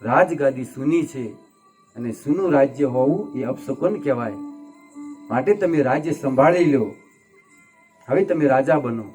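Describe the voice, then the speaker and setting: A man voicing a calm old sage giving counsel. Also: medium pitch, a little slow, long pauses, soft background music, close to an everyday voice. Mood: advising. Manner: calm, advising. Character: wise old male sage and royal guru.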